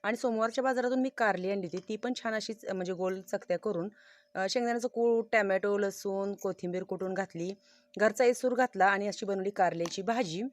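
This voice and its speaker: A woman chats in a homely way, as if talking straight to friends watching. Her voice sits at an ordinary middle pitch. The sound is close and dry, with almost no room around it. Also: a little fast, dry recording. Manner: chatty, homely, talks to viewers directly. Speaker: vlogger. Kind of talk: casual farm vlog narration. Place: outdoors on a farm field.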